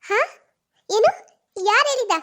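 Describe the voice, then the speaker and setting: A voice actor doing a heartbroken, very high-voiced village girl. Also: unhurried, a bit bright. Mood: sobbing accusation. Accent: North Karnataka Kannada. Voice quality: very high, sobbing pleas. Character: young village woman in love, betrayed and distraught. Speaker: lover. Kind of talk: cartoon voice acting.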